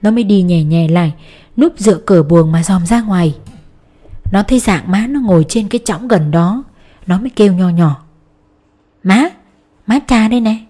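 A woman narrating a novel audiobook in a steady storytelling voice. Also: fairly low pitch, a little fast. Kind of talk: scripted narration.

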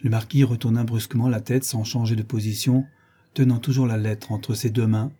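A man reading a classic novel aloud as an audiobook narrator, in a measured, even way. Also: medium pitch, husky.

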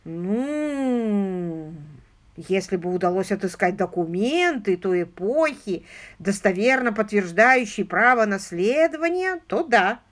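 A woman's voice: medium pitch, expressive, slow pace. A woman doing a careful older lawyer. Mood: measured, explaining. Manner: careful, qualifying explanations. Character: measured older male lawyer, dryly humorous. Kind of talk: audiobook character reading.

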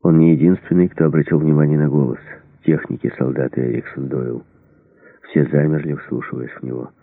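Very deep gravelly man narrating. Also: fairly even intonation, a little fast, no echo. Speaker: audiobook narrator. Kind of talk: scripted narration of an action novel. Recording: dry, tinny phone-like sound.

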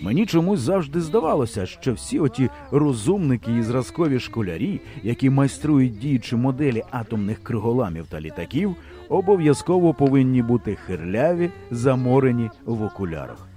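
A male audiobook narrator with a warm, mellow voice. His intonation rises and falls widely as he tells the story with expressive humor. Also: mid-range voice, brisk, soft background music. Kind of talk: scripted narration.

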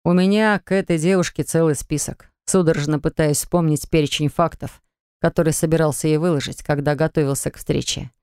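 A woman's voice: low voice, steady tone, fairly quick, a little mellow, clean tone, no echo. A woman narrating a first-person audiobook in a wry, conversational manner, recorded in a studio.

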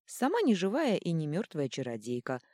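Smug, mischievous male chaos godling voiced by a woman, very lively, dry close sound. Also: sits low, moderate pace, dry recording, full character voice. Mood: teasing. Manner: teasing, smug, purring.

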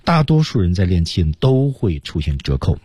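Lively low-voiced male radio teacher. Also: slightly rough, no echo, clean studio sound. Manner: drills phrases slowly, stresses key words. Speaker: English pronunciation teacher, radio host. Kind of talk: radio language lesson. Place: radio studio.

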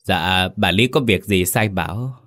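A man's voice: deep voice, measured pace, fairly bright tone. A man voicing a starving, trembling old peasant woman who pleads in a faint voice. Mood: pleading.

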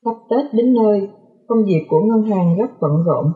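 A woman's voice: medium pitch, animated, moderate pace. A woman narrating a novel in the first person, raising her voice for the characters' lines. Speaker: audiobook narrator. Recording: phone-like lo-fi audio.

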